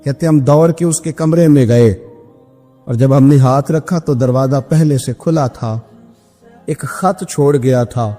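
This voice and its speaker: A man preaching a sermon as an emotional story, with his voice climbing high at dramatic moments. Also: dark tone. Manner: dramatic, pitch rising high at emotional peaks, breaks into sung verse. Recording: long hall reverb with faint music.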